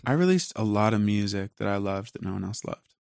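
A man's voice: on the low side, expressive, a little fast, creaky, darkish tone, clear, resonant tone, dry recording, studio quality. A man hosting a podcast, talking casually in a rambling, self-deprecating way that jumps between thoughts. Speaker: podcast host and musician.

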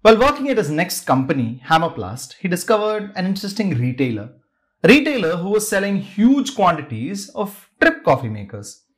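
A man's voice: high-pitched, very animated, a little fast. A man hosting a podcast, narrating a scripted story with dramatic, varied pacing. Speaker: podcast host.

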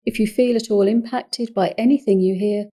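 A woman counsellor hosting a podcast, speaking in a calm, measured way with carefully chosen words and an English accent. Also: medium pitch.

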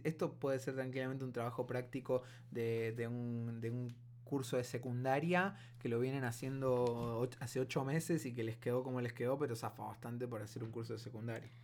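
A man with a Buenos Aires accent co-hosts a casual podcast. His talk is colloquial and meanders, with halting turns, at a middling pitch. There is clear background noise and a hum on the recording. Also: darkish tone. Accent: Buenos Aires Argentine Spanish. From Buenos Aires, Argentina. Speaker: podcast co-host.

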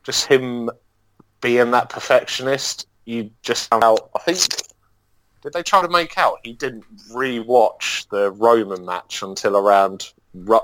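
A man co-hosting a podcast, chatting casually in a rambling, halting way. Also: mid-range voice, a bit bright, no echo, rough recording. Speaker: podcast co-host. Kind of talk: casual review chat.

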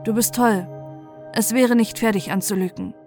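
A gentle, smitten teenage boy who speaks softly, read by a woman a little lower than her usual voice. The lines come over a faint bed of music. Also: steady tone, moderate pace, natural voice. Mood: tender.

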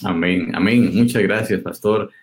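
Male host, low voice, affirming wrap-up talk. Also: a little slow. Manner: warmly affirming, thanks the preacher. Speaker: program host.

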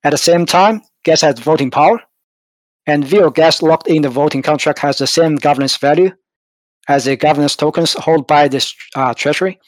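A man's voice: fairly high pitch, moderate pace, dry recording, poor audio. A man on a crypto community call, explaining a token design in a hesitant way with many fillers. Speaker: project team member explaining tokenomics. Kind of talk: casual AMA explanation.

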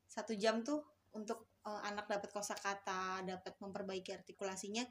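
A woman speech therapist explains her work casually, pausing often on fillers and restarting her sentences. Her voice sits at a middling pitch. A faint noise runs under the recording. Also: level tone. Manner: hesitant, many fillers and restarts.

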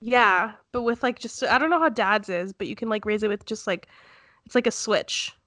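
A woman's voice: medium pitch, moderate pace, fairly bright tone, no echo, clean studio sound. A young woman with a stuffy, congested nose, co-hosting a casual chat in a giggly, rambling way. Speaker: podcast co-host.

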